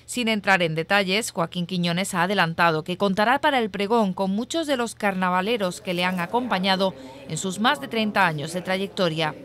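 A woman's voice: mid-range voice, a little fast, a bit bright. A woman with an accent from Spain reading a scripted television news report as the reporter.

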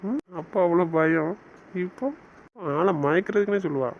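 A man's voice: high-pitched, normal speed. Cast a man as a bossy, teasing young husband for an audio romance series, muffled home recording with faint hiss. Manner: teasing, scolding banter.

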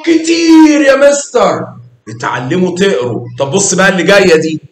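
Lively Egyptian man teaching young kids. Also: sits high, brisk, echoey room. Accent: Egyptian Arabic. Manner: animated and coaxing, praising and quizzing pupils. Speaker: math teacher. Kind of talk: classroom teaching to young children.

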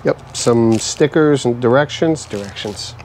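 A man in his forties giving a casual, relaxed unboxing review, thinking aloud with fillers as he goes, recorded on a screened outdoor patio by a camera mic a few feet away. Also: medium pitch, unhurried, a little hiss or hum. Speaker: product reviewer.

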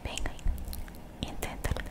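Young woman whispering close-up ASMR. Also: measured pace. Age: young adult. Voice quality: breathy unvoiced whisper. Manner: soothing, gently encouraging, repeats phrases. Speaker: ASMR creator. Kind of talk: whispered ASMR personal attention, motivational. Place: small bedroom, indoors. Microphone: desktop condenser mic, very close.

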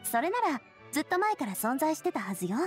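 In Japanese anime game voice acting, a woman plays Navia, a confident, cheerful young woman who is a boss made fairytale king. Her high, sing-song voice moves fast over soft background music, breezy, self-assured and matter-of-fact.

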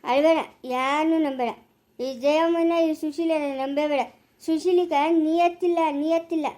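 Woman doing a village guy ranting in rural chikkaballapura kannada, real high voice, keeps repeating himself. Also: fairly even intonation, moderate pace, warm tone, close to an everyday voice. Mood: indignant. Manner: scolding, ranting, repeats phrases. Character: quarrelsome village man, indignant, defensive. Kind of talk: village family skit acting.

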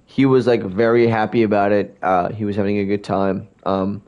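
A man's voice: fairly low pitch, flat delivery, normal speed, clear, resonant tone, muffled recording. A young man chatting casually to his viewers during a game stream, rambling and hiccuping as he talks. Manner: rambling, talks to chat, keeps hiccuping and burping. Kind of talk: casual livestream chat while gaming.

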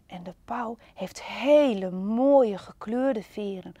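A woman with a Dutch accent reading a children's picture book aloud slowly, with a playful, lively storytelling manner. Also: mid-range voice, no echo, highs cut off. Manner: slow, lively storytelling with a wide, playful melody.

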